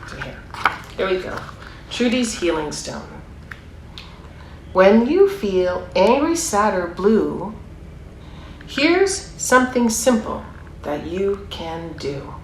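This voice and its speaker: A woman with a medium-pitched, sing-song voice reads slowly to young children from a picture book, pausing often. Her reading is sprinkled with encouraging, chatty asides and questions. The recording carries a roomy echo and clear background noise.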